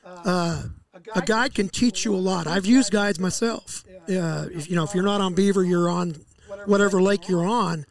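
Out on a deck by a lake, a middle-aged man appears as a podcast guest, talking walleye fishing in a casual interview. He has a fairly high, gravelly voice at normal speed, easygoing explanations, and plenty of fillers and restarts, picked up by a headset mic.

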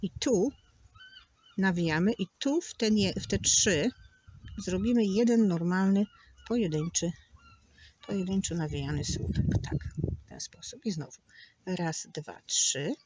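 A woman's voice: fairly low pitch, a little slow, long pauses, a little mellow, slightly rough. A woman teaching a crochet tutorial, patiently counting stitches aloud and sometimes dropping to a near whisper. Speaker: crochet instructor.

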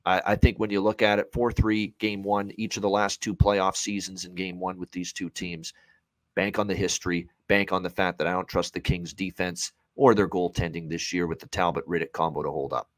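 This thirties-aged man is a betting analyst on a hockey preview program, speaking off the cuff over a video call from a small indoor room at home. He talks low and brisk with a flat delivery, stressing and restating his points, and there's no echo.

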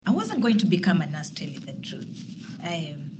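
A woman from Kenya, a nurse telling her story on a panel in a relaxed, self-deprecating way. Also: low-pitched, normal speed, highs cut off. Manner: laid-back, self-deprecating, many ums. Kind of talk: personal storytelling. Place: meeting room, seated at a long table. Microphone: far room camera. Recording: distant mic with room noise.

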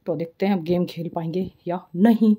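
Speaking fairly quickly in a lowish, warm, husky voice, a woman in her forties vlogs casually from inside her home. The mother is winded from cleaning and complains with a self-deprecating edge.

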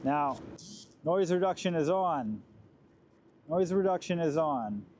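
A man's voice: a little high, animated, slow pace, darkish tone. A man vlogging casually while riding a scooter outdoors in windy farmland, speaking into a clip-on lapel mic whose noise reduction processing leaves artifacts on his voice. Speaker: tech reviewer. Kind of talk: casual vlog. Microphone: clip-on wireless lapel mic.

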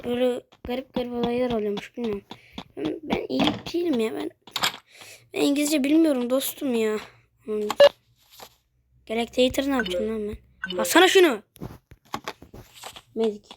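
High-voiced excitable woman streamer. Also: normal speed, pauses often, very noisy. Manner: excitable, swears freely, jumpy outbursts. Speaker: gaming streamer. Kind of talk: casual let's-play commentary.

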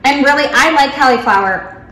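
A woman's voice: high voice, moderate pace, bright, forceful tone, reverberant, slight background noise, poor audio. A woman hosting a casual food taste test, talking with her mouth full as she chews and describes the pizza. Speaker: food vlogger and mother.

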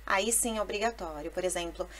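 A Brazilian woman with a Brazilian Portuguese accent, an Italian teacher giving a language lesson who explains step by step and repeats words slowly and clearly. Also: on the low side, a bit bright.

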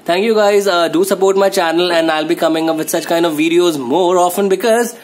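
Chatty young male vlogger, slightly high. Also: fairly quick. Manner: chatty, teasing, loose with fillers. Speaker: channel host. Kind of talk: casual chat.

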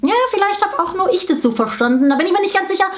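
A woman's voice: extremely high pitch, rapid-fire. A woman in her twenties hosting a scripted comic vlog, speaking to camera in a playful, ironic way. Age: 20s. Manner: playful, ironic, animated delivery. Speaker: video host. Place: small furnished room with bookshelves.

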